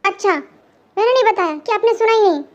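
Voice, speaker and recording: A woman's voice: extremely high pitch, fairly quick, dull audio. A woman voicing a sulky, scolding young wife. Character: angry pregnant young wife, scolding her husband. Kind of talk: amateur fan dub.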